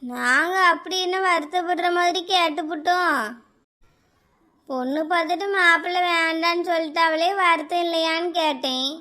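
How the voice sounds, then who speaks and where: A woman's voice: very high-pitched, moderate pace, pushed and bright. A woman with a Kanyakumari Tamil accent voicing bickering village women in a cartoon. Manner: quarrelsome village gossip banter.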